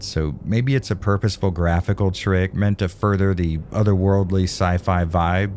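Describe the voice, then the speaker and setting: A man narrates a game review voice-over in a low, mellow voice. He sounds casual and candid with a dry, wry edge, and a faint hiss runs beneath the recording.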